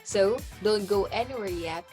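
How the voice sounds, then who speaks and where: A woman's voice: mid-range voice, unhurried, dark tone, soft background music. A young woman with a Filipino accent, hosting a talent show in an upbeat, scripted manner. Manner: upbeat, announcing. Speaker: host.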